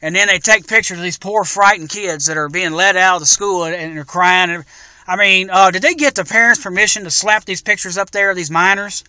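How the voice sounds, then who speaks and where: A man rants in an indignant, repetitive way, tripping over his words and starting over. His voice is high and extremely bright and sharp. It sounds dry and close. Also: brisk, no echo. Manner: indignant, repetitive, stumbling restarts. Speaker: video blogger. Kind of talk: angry ranting commentary.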